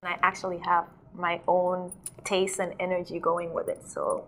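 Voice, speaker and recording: A woman's voice: on the low side, little pitch movement, normal speed, fairly bright tone, faint music behind. A young woman from South Sudan, a DJ and model, talking in a casual interview with lots of fillers and laughter, recorded on a lapel mic in a studio. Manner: chatty, laughs often, many "like"s and fillers.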